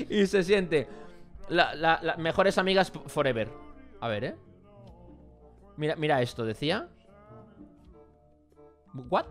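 A young man with a Spain Spanish accent gives casual reaction commentary as a YouTuber, jumping between loud exclamations and muttered asides. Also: a little high, expressive, slow, long pauses, faint music behind.

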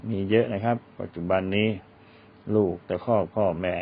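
Low raspy-fry guy teaching a religious lesson, mixes in arabic recitation, tinny lo-fi sound. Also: fairly even intonation, moderate pace, slight background noise. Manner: recites Arabic verses then explains in Thai, acts out quoted speech. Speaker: Islamic teacher. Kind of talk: religious lecture. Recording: tinny phone-like low-fi recording.

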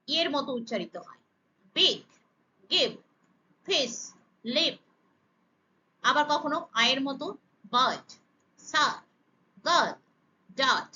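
A woman teaching English pronunciation, slowly spelling out letter sounds one by one in a deliberate, emphatic way. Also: high voice, sharp tone, dull audio. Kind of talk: slow, deliberate pronunciation lesson.

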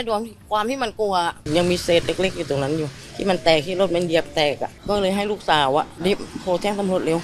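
A middle-aged woman speaks as an eyewitness in a news interview, her telling quick and agitated. Her voice sits at a middling pitch, with faint outdoor noise behind her. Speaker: eyewitness neighbor.

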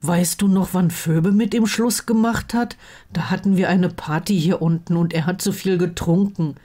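A woman's voice: on the low side, moderate pace, dark tone, close to an everyday voice. A woman voicing a sarcastic, worried teenage wizard boy in an audiobook reading of fan fiction. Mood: glum. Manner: sarcastic, dejected.

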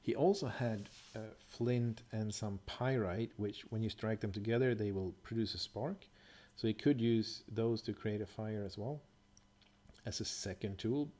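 A man's voice: fairly low pitch, a little slow, dark tone. A middle-aged man giving a casual, explanatory voice-over, thoughtful and a little hesitant, with fillers and self-corrections. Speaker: bushcraft presenter.

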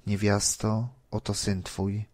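Dying forgiving man, solemn and quiet, read by a man, slow, low and even. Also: dry recording.

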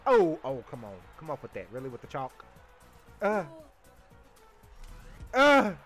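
A man giving casual, excited commentary while playing a video game, playful and silly, often bursting into yells. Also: medium pitch, normal speed, gravelly, soft background music. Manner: playful silly sound-making and chanting.

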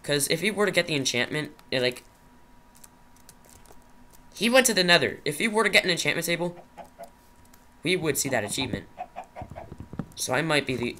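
Shaky young guy muttering over his minecraft run, bright voice, faint hiss and keyboard clicks behind. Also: mid-range voice. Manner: jittery, rambling, talks to himself. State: nervous, shaky. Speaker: gaming channel host. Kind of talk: Minecraft commentary.

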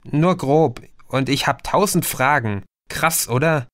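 A man voicing an excited, curious young woman in a read-aloud story. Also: medium pitch, slow pace, natural voice. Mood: eager.

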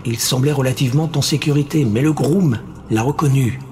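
A man voicing a slick, dramatic male television game-show host in an audiobook, working the audience with theatrical pauses and cries. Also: mid-range voice, a little mellow, slight background noise, natural voice. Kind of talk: audiobook character voice.

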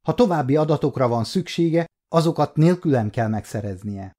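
A man voicing a timid alien interrogator who is easily shaken and speaks quietly and formally. His voice is subdued, with a warm, dark tone. It is a storybook reading. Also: on the high side, lively intonation, pitched above the performer's own voice.

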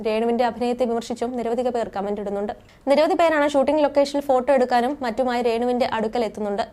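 A young woman narrates a scripted news segment at a rapid clip. Her voice sits a little high, and her reading stays brisk and even from line to line.

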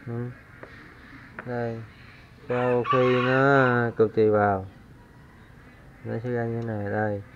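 A man talks through a fishing tutorial in a relaxed way, counting aloud as he works, his voice staying flat and even. The sound is dull and lo-fi, picked up on a camera mic worn on his body while he works at a table. Roosters and birds crow faintly in the background. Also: medium pitch, slow, long pauses, background noise. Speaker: fishing channel host. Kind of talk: casual hands-on tutorial.

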